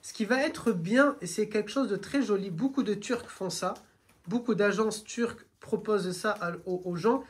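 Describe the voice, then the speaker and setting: A man guiding a group on a train, explaining in a lively, teacherly way and asking them questions. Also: high-pitched, normal speed. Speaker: religious guide. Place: train carriage.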